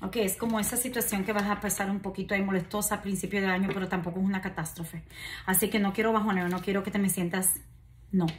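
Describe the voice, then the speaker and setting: A woman's voice: medium pitch, steady tone, fast talker, slight background noise. Brief: woman, 40s, tarot reader, chatty and reassuring, filmed on a phone at a table indoors. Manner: chatty, reassuring, many fillers and "¿verdad?" asides. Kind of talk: casual tarot reading to camera. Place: decorated indoor room at a table.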